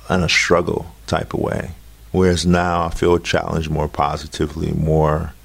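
A man speaking as an interview guest, reflective and halting as he thinks through his answers. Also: extremely low pitch, gravelly, breathy edge. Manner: halting, thoughtful.

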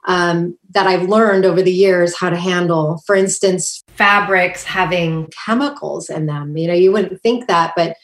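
A woman from Hawaii speaks as a podcast guest. Her voice sits a little low and is soft-spoken, and she explains things with easy fillers. The recording has a noticeable roomy echo. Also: fairly even intonation, a little slow, few pauses. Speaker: guest artist. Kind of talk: conversational interview.

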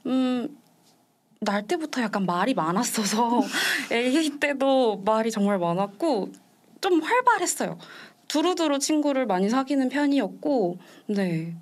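A woman guest telling her own story in conversation, chatty and reflective, with soft hesitations. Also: fairly high pitch, big pitch swings, unhurried. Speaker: interview guest.

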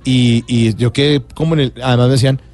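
A man's voice: medium pitch, steady tone, fast, a little mellow. A man, hosting a radio show in a joking, teasing way. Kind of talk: casual radio banter.

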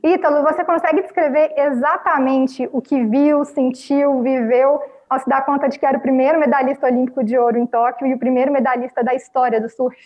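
A woman moderating a press conference, briskly reading out questions. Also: high voice, fairly even intonation, highs cut off.

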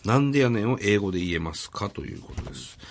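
A Japanese man co-hosting a radio talk show, relaxed and chatty. His pitch swings widely as he reads listener letters aloud and trades jokes with his partner. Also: fast talker, creaky, slight background noise. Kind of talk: casual radio chat.

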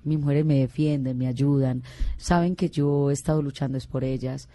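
A woman's voice: extremely low pitch, steady tone, normal speed, mellow, dry recording. A middle-aged Colombian woman, a singer, telling her life story in an earnest, heartfelt way with many restarts. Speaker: singer being interviewed. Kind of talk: emotional personal storytelling.

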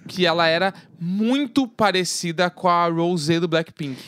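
A man with a Brazilian accent co-hosting a casual chat, telling stories in an animated way and acting out the voices of people he quotes. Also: high voice, unhurried, clear, resonant tone. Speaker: podcast co-host.

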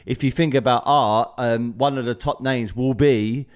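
A man's voice: medium pitch, steady tone, normal speed. A British man in his thirties hosting an interview, earnest and often restarting his sentences. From Britain. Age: 30s. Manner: earnest, stammers and restarts while framing questions. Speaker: podcast host. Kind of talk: interviewing a guest over video call.

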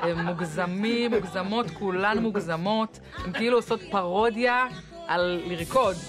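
A woman's voice: mid-range voice, music in the background. A female comedian speaking enthusiastically in casual commentary.

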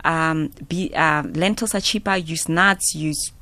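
Dry studio sound, female expert guest, South African accent, lowish voice, conversational, plain explanations. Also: slow, pushed and bright, no room sound. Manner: plain-spoken, explanatory, with everyday examples. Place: radio studio. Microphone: close studio microphone.

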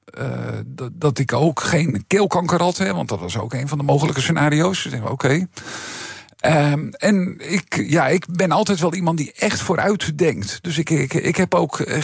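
A middle-aged Dutch man, a former radio presenter, talking reflectively as a guest with a husky, strained voice and many fillers. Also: on the high side, no room sound, studio quality. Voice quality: husky, strained voice from vocal cord problems. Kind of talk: casual interview talk.

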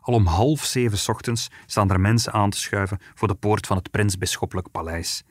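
A man's voice: fairly low pitch, fairly quick, no echo, clean studio sound. A man, a journalist, co-hosting a podcast and explaining a past case in an storytelling way. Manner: explanatory storytelling, some restarts. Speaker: journalist co-host. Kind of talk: podcast conversation.

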